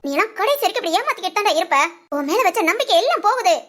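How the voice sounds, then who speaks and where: A woman's voice: very high-pitched, big pitch swings, racing, fairly bright tone, exaggerated voice. A woman voicing a young village woman in a Tamil cartoon drama, emotional and fiery, pleading and scolding. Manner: pleading, sobbing, then scolding.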